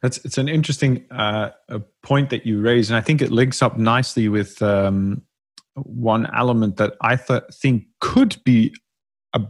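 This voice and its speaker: A man in his thirties co-hosting a podcast, explaining a case in a lively, self-mocking way with frequent restarts. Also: mid-range voice, moderate pace, no room sound. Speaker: podcast co-host. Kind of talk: casual expert discussion.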